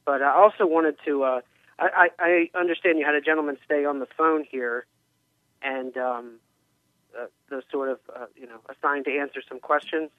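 A man calling a radio show, speaking in a measured, hesitant way with many pauses and ums. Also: fairly high pitch, steady tone, no echo. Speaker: caller. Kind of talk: call-in radio talk. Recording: tinny phone line, dry.

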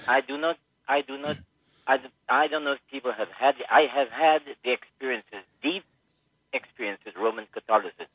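An older man from Guyana calls in over a tinny, dry phone line. He stumbles and repeats words, then lands his point with emphasis, at a middle pitch. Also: a little fast, no room sound. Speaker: caller. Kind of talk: call-in radio talk.

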